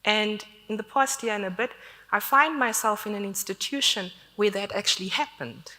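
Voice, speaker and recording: A woman's voice: mid-range voice, normal speed, sharp tone. A woman from South Africa with a South African accent, giving a candid, conversational conference talk. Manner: candid, conversational, self-deprecating. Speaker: conference speaker. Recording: long hall reverb.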